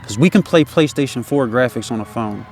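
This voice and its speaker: At a medium pitch with an expressive, darkish tone, an independent musician talks fairly quickly, rambling casually in a loose stoner drawl. He uses slang, swears, and repeats tag phrases; slight background noise is present.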